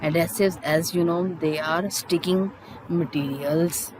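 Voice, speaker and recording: A chemistry teacher explains textbook points in a halting way, repeating key terms as in a school lesson. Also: mid-range voice, fairly even intonation, noisy background.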